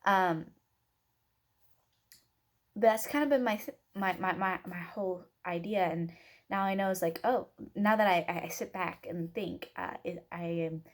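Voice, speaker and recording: A woman's voice: fairly low pitch, a little slow. A woman in her twenties from Oregon, introducing herself as a student in a casual, rambling way with many fillers. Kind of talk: casual self-introduction video.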